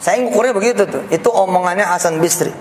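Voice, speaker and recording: High-voiced preacher in an echoey mosque hall. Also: male voice, fast. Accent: Jakarta Indonesian. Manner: animated, jokey, slangy, banters with the audience. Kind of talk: lively mosque sermon. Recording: echoey hall, faint background noise.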